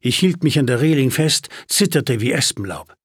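A man narrating a first-person story as an audiobook, animated, with sudden rises in pitch. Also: moderate pace, husky, no echo, studio quality.

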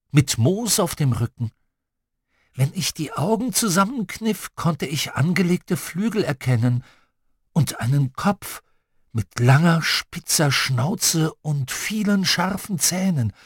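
A man narrates a children's story in a playful, expressive way, his pitch swinging widely from line to line. The voice sits at a middle pitch for a man, and the recording is dry and close with no room around it. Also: takes it slowly, breathy edge, dry recording. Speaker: audiobook reader.

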